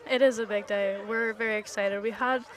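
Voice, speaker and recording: A woman's voice: mid-range voice, steady tone, brisk. A young adult woman, a college team captain, answering interview questions in short, upbeat sentences.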